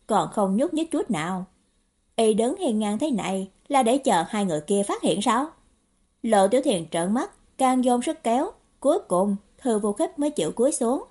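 A woman narrating a novel as an audiobook in a steady storytelling manner. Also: medium pitch. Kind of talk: scripted narration.

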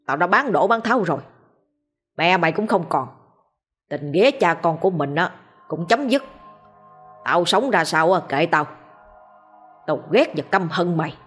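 Woman doing a bullying old rich man, harsh scolding, breathy, faint music behind. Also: on the low side. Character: furious old rich landowner, bitter and bullying.

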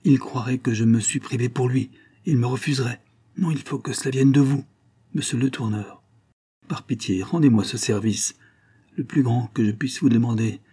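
Starving older father, pleading low, dark husky tone, read by a male narrator. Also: moderate pace, lightly acted. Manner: low pleading, secretive murmur. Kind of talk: audiobook dialogue reading.

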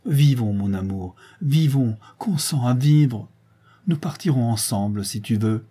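A man's voice: mid-range voice, a little slow, warm tone, slightly rough. A man reading aloud voices a desperate young lover, speaking in an impassioned, pleading way.

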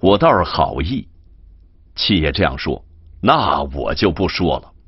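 A man voicing a sly, flattering young male servant who teases in a wheedling manner. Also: very deep voice, unhurried, breathy edge, dry recording, dull audio, full character voice. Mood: teasing, wheedling. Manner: teasing and wheedling.

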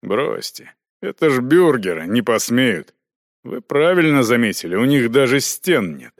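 A man reading an audiobook, voicing a stubborn knight inquisitor who speaks loudly and firmly in measured phrases. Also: medium pitch, very animated, no room sound, clean studio sound. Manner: firm, loud, measured. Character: stern stubborn male knight inquisitor, bold.

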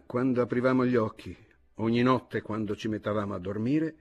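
Husky man narrating gravely. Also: lowish voice. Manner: measured, grave. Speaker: audiobook reader. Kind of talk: literary audiobook narration.

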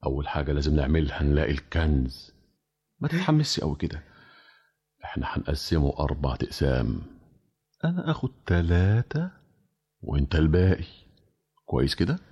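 An actor playing a sly young schemer who coaxes others and plots to take most of a treasure, in an old radio play. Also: male voice, extremely low pitch, wildly swooping pitch, fairly quick, long pauses, darkish tone, slightly rough, full character voice. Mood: scheming. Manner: sly, wheedling, laughs often.

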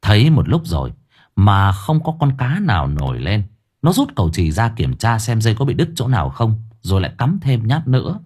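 A man narrating an audiobook story in a lively, earthy storytelling manner, with a husky voice. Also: on the low side, fairly quick.

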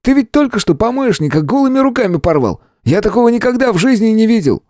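A high, yelping young sidekick, voiced by a male reader, loud and excitable. His pitch jumps far above a normal man's. The audiobook recording is dry and close. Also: fast, dry recording. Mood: amazed. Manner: shouty, high and jumpy. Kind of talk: audiobook character voice.

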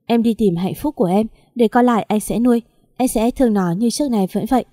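Woman doing a betrayed husband in an audio story, cold and accusing, low mellow tone, dry sound. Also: quick pace, no echo, lightly acted. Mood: bitter. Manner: cold, accusing, restrained anger. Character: bitter betrayed husband, early thirties.

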